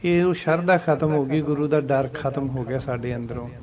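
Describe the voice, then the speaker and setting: A man teaching the pronunciation and meaning of Sikh scripture, patiently repeating verses slowly to model how they should be said. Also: mid-range voice, level tone, a crowd in the background. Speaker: Gurbani teacher.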